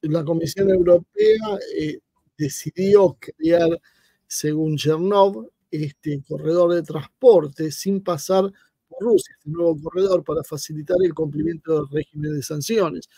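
Gravelly-voiced Argentine man analyzing. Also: a little high, expressive, unhurried, dark tone, no room sound. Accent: Argentine Spanish. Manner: hesitant, many fillers. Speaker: political analyst. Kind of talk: live-streamed analysis.

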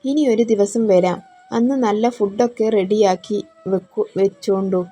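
A woman's voice: medium pitch, steady tone, measured pace, mellow, faint music behind, close to an everyday voice. A woman voicing a kind, easygoing young man who speaks in a friendly, reassuring way.

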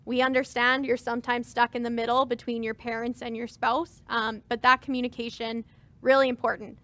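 On a dark-curtained stage, a farm transition advisor in her thirties offers earnest planning advice during a webinar panel, using many fillers. Her voice is fairly high, slightly bright, brisk, and level in tone.

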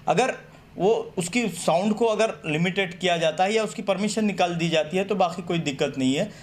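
Sitting at a table in a small office with press microphones before him, a man in his 30s representing a political party reads a formal, methodical press statement. He speaks a little fast in a voice that sits high. The recording picks up clear room noise.

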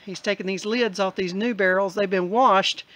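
A person filming and narrating homestead chores in a relaxed, step-by-step way. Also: mid-range voice, moderate pace, poor audio. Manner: easygoing, explains step by step with fillers. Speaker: camera operator and co-narrator. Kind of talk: casual vlog narration.

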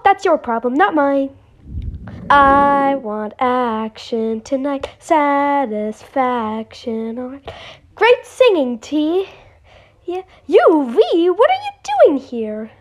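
A woman doing a playful cartoon fan dub, hopping between many silly character voices. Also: sits high. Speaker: fan dubber voicing every character.

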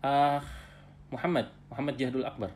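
Patient male teacher leading an online lesson over a video call, middle-pitched voice. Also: fairly even intonation, moderate pace, darkish tone, a little hiss or hum. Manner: patient, drills terms, ends phrases with "ya". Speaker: Arabic teacher.

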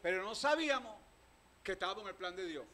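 A man with a Venezuelan accent preaching a sermon, calling out questions to the congregation and swinging between loud proclaiming and quiet talk. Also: sits high, animated, quick pace. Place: church hall.

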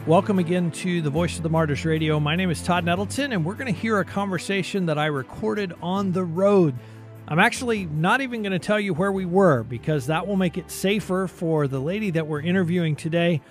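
A man's voice: sits high, fairly quick, faint music behind. A man presenting and narrating a radio programme from a script as its host.

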